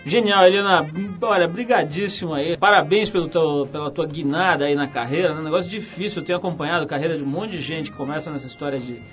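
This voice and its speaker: Higher-voiced São Paulo man hosting radio. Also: fast talker, few pauses. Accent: Brazilian, São Paulo. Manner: informal, slangy, chatty. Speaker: radio host. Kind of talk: casual radio interview and magazine-show presenting. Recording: dull radio broadcast with music.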